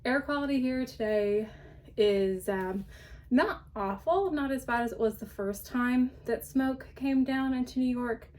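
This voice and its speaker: A woman's voice: fairly high pitch, a little slow, darkish tone. Chatty woman, slightly out of breath. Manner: chatty, rambling, with frequent ums and light laughs. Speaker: podcast host. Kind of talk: casual show-and-tell chat.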